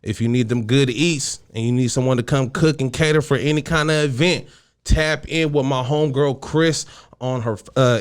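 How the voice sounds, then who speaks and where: A man hosting a casual podcast, blunt and profane, running quickly through a list of sponsors. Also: medium pitch, clean tone. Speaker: podcast host. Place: podcast studio.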